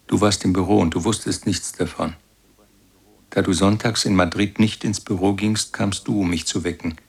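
An actor in a radio play narrating as a grown son who recalls his childhood in slow, brooding words and keeps turning to address his mother. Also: low voice, husky. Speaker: first-person narrator.

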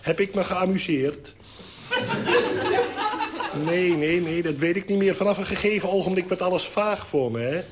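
A man's voice: high-pitched, moderate pace, pauses often, lightly acted. A man playing a hungover, groggy caller in a comic phone sketch, mumbling and laughing as he fumbles for words, speaking. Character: groggy hungover man phoning his drinking buddy. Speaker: comedian performing a hungover caller. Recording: noisy old radio recording.

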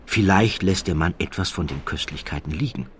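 A man reading a scripted literary story as an audiobook narrator, in a measured, deliberate storytelling manner. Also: low-pitched, a little hiss or hum.

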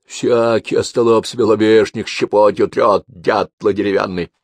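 A man voicing a foul-mouthed old man in his eighties on his deathbed, gruff and short of breath. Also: lowish voice, fairly even intonation, normal speed, no room sound. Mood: grumbling.

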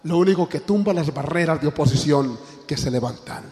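An older man preaches a sermon with fervor, his somewhat high voice leaping from loud exclamations down to low, weighty phrases. The sound carries a long reverb, as in a large hall. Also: fairly quick. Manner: impassioned preaching, swings from loud exclamations to low emphatic tones. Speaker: pastor.

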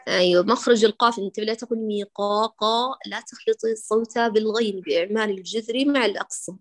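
A woman teaching Quran recitation in an online class, correcting a student and demonstrating sounds slowly. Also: mid-range voice, no room sound, clean studio sound.

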